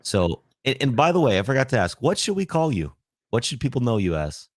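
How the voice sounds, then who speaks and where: Enthusiastic and complimentary, a male podcast host runs a casual interview while talking directly to viewers. He speaks fairly quickly at a medium pitch with big pitch swings. There is no room sound.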